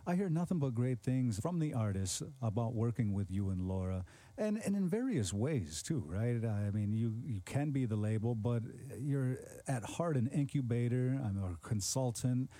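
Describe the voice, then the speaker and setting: A radio show host with a very dark, mellow voice, recorded dry and close. He talks to his guest earnestly and at length, with plenty of fillers. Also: mid-range voice, expressive, moderate pace, no echo. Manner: earnest, rambling, many fillers. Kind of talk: casual interview hosting.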